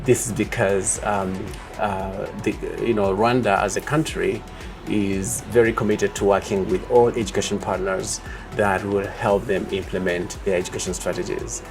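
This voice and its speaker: A man from Uganda answering interview questions as a project leader, speaking in a measured way with many pauses and fillers. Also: on the low side, little pitch movement, over music.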